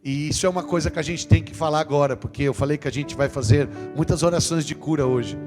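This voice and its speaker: A man's voice: on the high side, fast talker. Brazilian man preaching in a reverberant church. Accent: Brazilian Portuguese. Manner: lively, conversational preaching with jokes. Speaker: lay preacher. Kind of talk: parish sermon. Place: parish church. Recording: long church reverb with guitar music.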